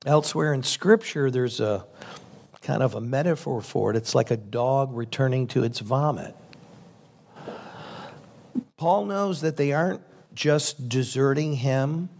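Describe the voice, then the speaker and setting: Guy pastor preaching, gravelly husky voice, chatty earnest sermon. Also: medium pitch, measured pace, long pauses, darkish tone. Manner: conversational preaching with fillers, earnest.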